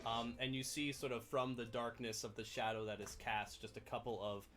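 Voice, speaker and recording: A man runs a tabletop game, describing scenes in a loose, rambling way with many fillers. His pitch sits at a middling level. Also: fairly even intonation, a little fast, fairly bright tone, slight background noise. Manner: loose, laughing, filler-heavy narration. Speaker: game master.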